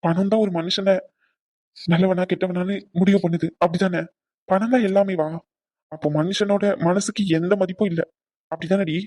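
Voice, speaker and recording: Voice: mid-range voice, steady tone, moderate pace, dark tone, no room sound, studio quality, lightly acted. A performer voicing a jobless husband in a cartoon, aggrieved and pleading with his wife. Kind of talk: cartoon voice acting.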